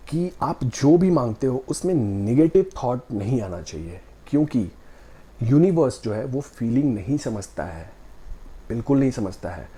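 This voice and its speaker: A man's voice: medium pitch, mellow. A man giving a motivational talk, speaking directly and conversationally to the viewer and asking rhetorical questions.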